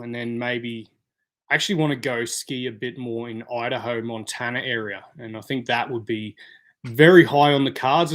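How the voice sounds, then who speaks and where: A man's voice: medium pitch, a bit bright. A man hosting a casual live stream, chatting and answering viewer comments by name. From Australia.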